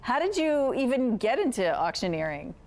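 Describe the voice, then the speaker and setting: A woman's voice: fairly high pitch, sing-song, normal speed, darkish tone. Woman hosting a morning news interview. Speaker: news show host, interviewer.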